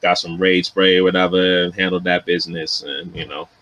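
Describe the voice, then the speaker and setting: A man co-hosting a podcast, telling a story in a relaxed way, full of "you know" and "um". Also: deep voice, brisk, poor audio. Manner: laughs often and loudly. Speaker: podcast co-host. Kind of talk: casual chat.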